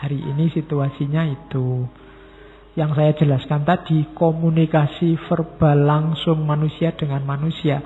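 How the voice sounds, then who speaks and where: A middle-aged man giving a relaxed, conversational philosophy lecture and acting out sample messages. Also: on the high side, a little slow, faint music behind. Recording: thin phone-like sound in a reverberant hall.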